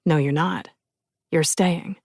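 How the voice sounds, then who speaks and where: A woman narrator voicing a laid-back young male rock musician in an audiobook, speaking calmly and softly. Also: lowish voice, moderate pace, no room sound, studio quality, close to an everyday voice. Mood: easygoing. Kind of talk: audiobook character voice.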